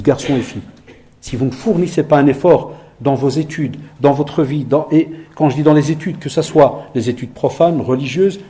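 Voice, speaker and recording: Mellow-voiced man giving a storytelling sermon. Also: fairly high pitch. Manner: lively storytelling, acting out dialogue in a hushed voice. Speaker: preacher and teacher.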